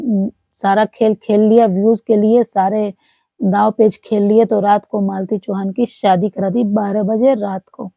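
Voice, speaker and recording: With a mellow, medium-pitched voice, a woman who comments on online creators tells her viewers a story in earnest, repetitive fashion, frequently addressing them as friends. The recording has no echo, and its highs are cut off.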